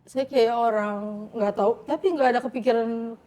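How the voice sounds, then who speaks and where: Middle-aged woman guest, warm and fairly high, relives her story and voices her own prayers. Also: normal speed. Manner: animated, acts out her own past words and prayers. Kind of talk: emotional personal storytelling.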